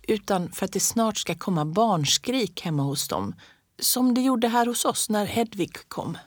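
A woman reading a kind old grandmother who speaks softly and confidingly. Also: mid-range voice, lively intonation, dry recording, studio quality, voice pushed up, close to an everyday voice. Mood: hushed.

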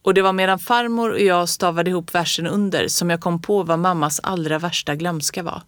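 A woman reading a children's storybook aloud in a calm, even storytelling voice. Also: fairly low pitch, no echo, clean studio sound.

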